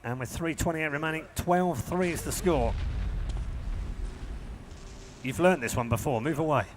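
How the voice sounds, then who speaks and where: A man's voice: on the high side, moderate pace, noisy background. A man doing live commentary on a competitive video game match, with a jokey, wry manner. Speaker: esports commentator.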